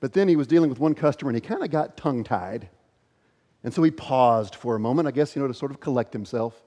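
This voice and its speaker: A man's voice: medium pitch, dark tone, big-room sound. A man preaching a sermon as pastor, earnest and questioning, reading scripture aloud.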